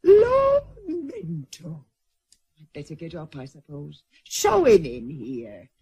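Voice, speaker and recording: A woman's voice: low voice, wildly swooping pitch, slow, dark tone, husky, full character voice. An actress in a radio drama playing a vain, coarse, boozy aristocratic lady with a gushing, blowsy manner. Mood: flustered. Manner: gushing, blowsy, swinging from grand to vulgar.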